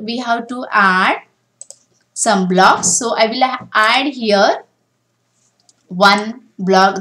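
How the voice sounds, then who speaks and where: Over a screen recording, a woman walks beginners through a coding lesson step by step, often opening with "now." Her voice is fairly high and fairly bright, and the audio is poor.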